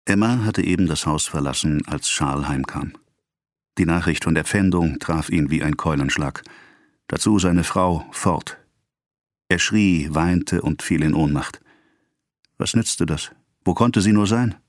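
A man with a very deep voice reads a classic novel aloud, unhurried and even. The recording is close and dry, with no room sound around him. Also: dry recording. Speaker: audiobook narrator. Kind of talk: scripted narration of a classic novel.

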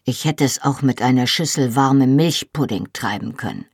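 Audiobook casting: a reader doing a sly middle-aged clan chief, gravelly and husky, quiet and insinuating. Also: male voice, mid-range voice, moderate pace, no echo, clean studio sound. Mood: dry. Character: sardonic scheming Highland chieftain, man, middle-aged. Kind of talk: audiobook character voice.

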